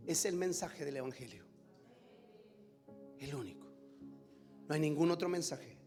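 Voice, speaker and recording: High-voiced impassioned pastor preaching. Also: male voice. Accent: Latin American Spanish. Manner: impassioned, swings from loud declarations to hushed low asides. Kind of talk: sermon. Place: church hall. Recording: church hall with long reverb, faint music.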